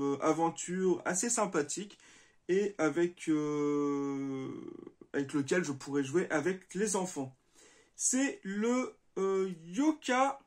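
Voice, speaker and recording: A man hosting a casual gaming vlog, talking to his viewers in a friendly, chatty way and pausing often with filler sounds. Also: high voice, darkish tone. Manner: hesitant, many filler sounds. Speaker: retro gaming channel host. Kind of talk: casual vlog showing game purchases.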